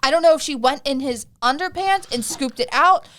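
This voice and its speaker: A woman in her twenties, a podcast co-host, telling a story in casual chat, rambling and animated with lots of "like". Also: high-pitched, a little fast. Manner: animated, rambling, heavy use of "like".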